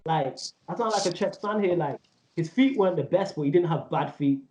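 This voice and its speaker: The podcast co-host's voice is fairly high with a darkish tone, and he speaks fairly quickly. In his thirties, he rambles emphatically through a casual football debate, heavy on slang. The recording sounds dull and echoey.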